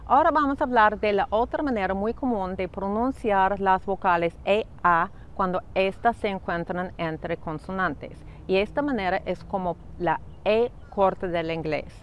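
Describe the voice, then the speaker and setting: A woman narrating a pronunciation lesson in a clear, scripted, instructional style. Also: mid-range voice, moderate pace, few pauses, a little hiss or hum.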